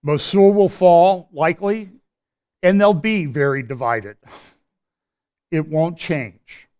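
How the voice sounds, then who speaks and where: A man presenting a church prophecy update in a conversational commentary style, pausing and restarting as he walks through a map and his views. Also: on the high side, a little mellow, clear, resonant tone. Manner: explains while pointing at a map on screen.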